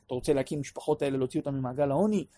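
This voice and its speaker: A man teaching a class on prayer in an animated way, acting out pleas and sometimes raising his voice to a shout. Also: medium pitch. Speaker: religious teacher.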